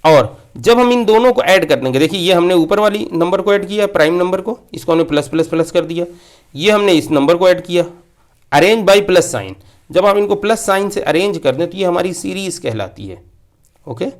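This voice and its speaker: In this close-miked classroom lecture, a maths teacher talks fairly quickly and expressively at a slightly raised pitch. He builds his explanation step by step, repeats key points by circling back, and slips in English terms.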